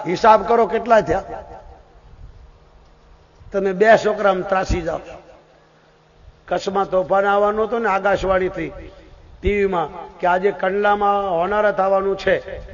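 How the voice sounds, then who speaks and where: A man's voice: sits high, fairly even intonation, moderate pace, long pauses, a bit bright. A man preaching a devotional sermon at a temple gathering, telling stories and calling out fervently to his listeners. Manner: fervent, pleading, calls out to the audience. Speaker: preacher leading a scripture recitation. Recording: dull lo-fi sermon recording.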